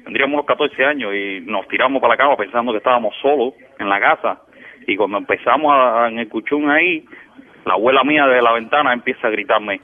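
A male caller from Cuba talking quickly in a mid-range voice as he tells a story. The sound is thin and tinny, like a phone line. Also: medium pitch. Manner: storytelling, casual. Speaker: radio caller.

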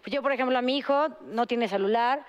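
Smooth-voiced mother. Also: on the high side, quick pace, muffled recording. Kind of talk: casual chat.

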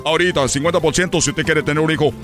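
A man with a Cuban accent telling a comic story on a radio show in an animated way, often adding "chico". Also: a little high, racing, faint music behind. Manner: animated, keeps saying "chico".

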